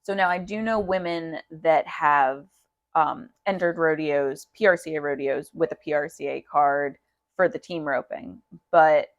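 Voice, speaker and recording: A woman farm owner speaks as a guest in a relaxed interview. Her voice is low and carries a lot of gravelly fry. She talks in an earnest, easygoing way. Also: a little slow, lo-fi sound. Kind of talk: casual interview chat.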